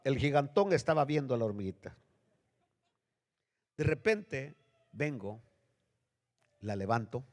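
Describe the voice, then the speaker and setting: A male pastor preaching a sermon with dramatic swings between loud, high bursts and low, hushed lines. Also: vocal fry. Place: church sanctuary. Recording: long reverb of a church hall.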